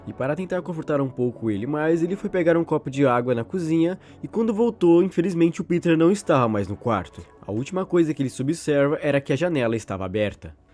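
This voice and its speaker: A man with a slightly high, darkish voice and a Brazilian accent hosts a channel, narrating a casual video in which he recounts horror stories and comments on them conversationally. Background music runs underneath.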